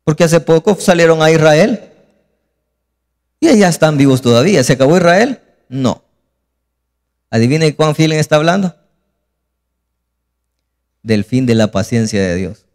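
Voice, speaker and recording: High-voiced pastor preaching in a reverberant hall. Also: male voice, a little slow, long pauses. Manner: lively preaching, acts out scenes and voices. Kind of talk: sermon.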